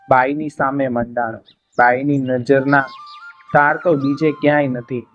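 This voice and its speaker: A man reading a folk tale aloud in a steady, dramatic storytelling manner. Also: medium pitch. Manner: steady dramatic storytelling, voicing cries of the characters. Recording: dull lo-fi recording with faint music behind.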